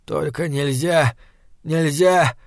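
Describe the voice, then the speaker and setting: A man reading an audiobook gives voice to the hoarse, weary, defiant last man alive as he lies dying. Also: fairly high pitch, dry recording, studio quality. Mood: pleading. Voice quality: hoarse, quiet and slow.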